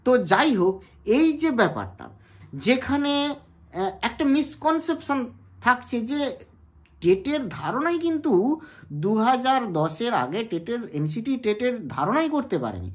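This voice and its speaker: A woman, hosting an education channel and explaining a legal issue to camera in a measured way, pausing often on hesitation sounds and asking rhetorical questions. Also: a little high, very animated.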